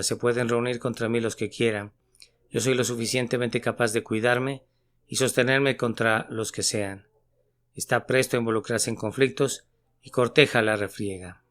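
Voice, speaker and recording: A man reads a sermon aloud with an earnest, measured delivery. His voice is smooth and resonant, sitting at an ordinary middle pitch for a man. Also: fairly bright tone. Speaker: sermon reader.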